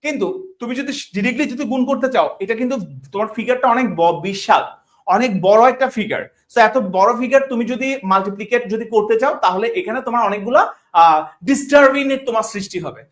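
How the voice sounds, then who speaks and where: A man's voice: very high voice, a little fast. A man with a Bangladeshi Bengali accent teaching an online class. He talks colloquially to his students, repeats each question, checks in with them all the time, and mixes English words into his Bengali. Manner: addresses students as brothers, colloquial. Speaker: tutor.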